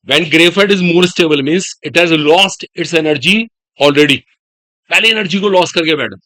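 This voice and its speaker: A male teacher lectures a class of students, his voice a little higher than most men's. He quizzes the students often and goes back over the main points, dropping English phrases into his explanations. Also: pushed and bright, low-quality recording. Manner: questions students, repeats key points, mixes English phrases. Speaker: chemistry teacher.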